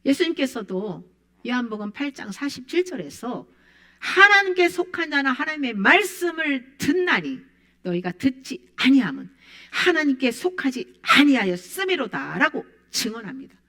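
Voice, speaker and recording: A woman's voice: high-pitched, big pitch swings, normal speed, a bit bright. A woman preaching a sermon, quoting scripture with emphatic rises and falls. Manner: emphatic, rising and falling preaching voice.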